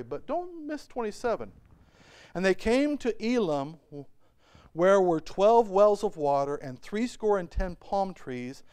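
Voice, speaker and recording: Lively, resonant-voiced man preaching. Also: high-pitched. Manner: animated preaching with rhetorical questions and gestures. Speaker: pastor. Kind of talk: sermon. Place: church sanctuary, at a pulpit by a whiteboard.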